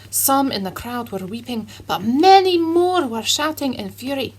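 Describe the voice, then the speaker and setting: A woman putting on a cheerful Scottish man who tells Bible stories to children. His voice is husky and sits fairly high, and his narration is earnest and dramatic. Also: expressive, unhurried, exaggerated voice, poor audio. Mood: solemn. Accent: Scottish (put on).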